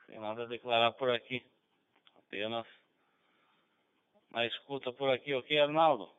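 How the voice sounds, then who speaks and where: A man from southern Brazil checking into a net as a radio amateur, heard over a ham radio, relaxed and joking. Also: medium pitch, clear, resonant tone, no echo. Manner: relaxed, joking, drawn-out call signs. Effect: heard over a ham radio transceiver. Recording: muffled radio transmission.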